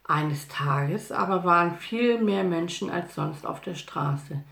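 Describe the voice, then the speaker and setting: A woman narrating a children's Bible story in an expressive, lively storytelling manner. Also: fairly low pitch, slow. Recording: roomy echo.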